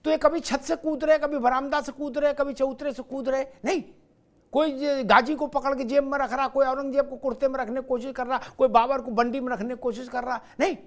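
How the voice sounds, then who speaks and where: This is a man anchoring a televised news debate who leans on rhetorical, needling questions. His voice sits unusually high for a man. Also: level tone, brisk.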